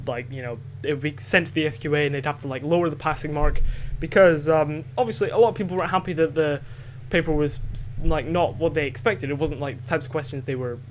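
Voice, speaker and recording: Speaking at a quick pace in a fairly high voice, this Scottish teen lightly accented hosts a podcast from home. His monologue is casual and meandering, halting with fillers and frequent restarts. There's slight background noise.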